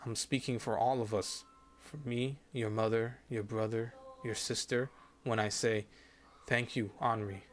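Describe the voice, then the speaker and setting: A man voicing a calm male wanderer who speaks softly and evenly. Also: mid-range voice, a little hiss or hum, lightly acted. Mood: gentle, tender. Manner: soft, quiet and measured. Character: calm immortal male wanderer, gentle and quiet.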